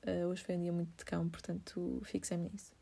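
A woman's voice: lowish voice, completely flat delivery, fairly quick, creaky, warm tone. A young woman, telling a story to her viewers in a chatty way, full of fillers and laughter. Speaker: vlogger.

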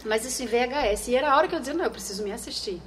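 Lively Brazilian woman, former news anchor. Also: a little high, racing, a loud crowd. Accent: Northeastern Brazilian. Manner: animated storyteller, acts out remembered voices. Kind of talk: conversational interview.

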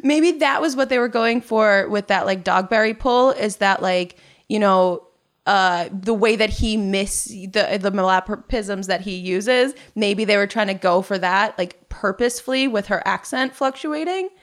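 A woman in casual podcast chat with a mid-pitched voice. She muses aloud in a chatty way, with plenty of "like" and "um". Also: measured pace. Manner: chatty, filler-heavy, musing aloud. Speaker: podcast co-host.

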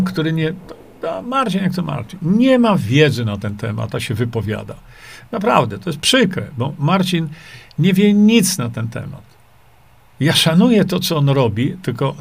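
A middle-aged man hosts a livestream, reading viewer comments aloud and answering them in a rambling, dismissive way. His voice is on the high side and creaky, and he uses many fillers and keeps repeating rhetorical questions.

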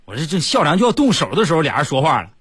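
A comedian telling funny stories in an animated comic monologue, stammering now and then. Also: male voice, a little high, racing, slightly rough.

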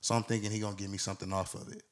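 A man in his twenties, a podcast co-host, telling a long story in a casual, animated way and acting out the people in it. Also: fairly low pitch, very fast.

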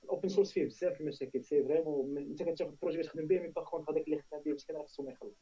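Moroccan-accented man, casual tech panelist, very rapid and soft-edged, slightly husky, mixes in French, distant dull mic. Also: fairly high pitch, fairly even intonation. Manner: emphatic, repeats phrases, switches into French.

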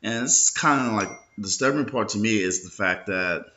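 A man's voice: on the low side, normal speed, pushed and bright. A young man talking in a casual, rambling vlog style, hungover, sluggish and loose, with plenty of slang. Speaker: host of a local social media show. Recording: dull lo-fi sound.

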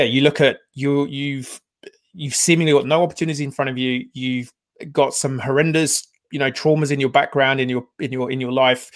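A man in his forties hosting a casual podcast conversation, telling stories in a chatty, animated way with many filler words. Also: medium pitch. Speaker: podcast host.

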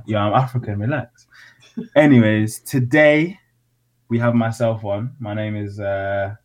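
A man's voice: lowish voice, fairly even intonation, measured pace. A man, hosting a podcast with casual, slangy banter. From Zimbabwe. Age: 20s. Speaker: podcast host.

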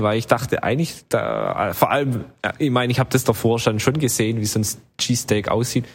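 Man, casual podcast chat, husky voice, rambling storyteller, lots of fillers. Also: medium pitch. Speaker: podcast co-host telling travel stories.

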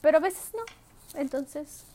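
High-voiced woman telling a lively story. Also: measured pace. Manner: animated, acts out quoted voices, laughs often. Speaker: podcast co-host. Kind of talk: casual storytelling chat.

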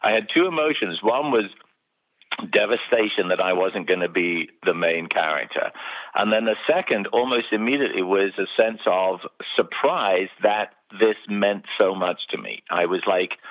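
A man's voice: lowish voice, normal speed. An Englishman from England, calling in over the phone as a radio guest, telling stories in a chatty way with restarts. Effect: heard over the phone. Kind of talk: radio interview. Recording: dull phone-line sound.

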